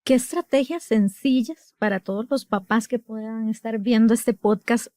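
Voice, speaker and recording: A woman's voice: a little high, normal speed, a little mellow, no room sound, studio quality. A woman with a Costa Rican accent, hosting a podcast, asking interview questions and giving brief affirmations. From Costa Rica. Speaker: podcast host.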